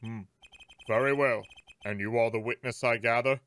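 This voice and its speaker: A man voicing a dignified, slightly bewildered old judge from a video game, in a formal, deliberate way. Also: mid-range voice, steady tone, fairly bright tone, voice pushed down, natural voice. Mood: solemn, musing. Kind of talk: reading video game dialogue aloud.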